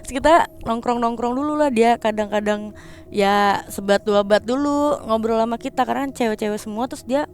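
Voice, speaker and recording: A young woman with a fairly high voice tells her story in a loose, chatty way. She slips into other voices to act out the people she quotes and drops English words into her slang. Soft music sits faintly behind her. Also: fairly quick. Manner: lively, acts out quoted people in changed voices. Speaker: guest storyteller. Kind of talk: casual storytelling of a ghost experience.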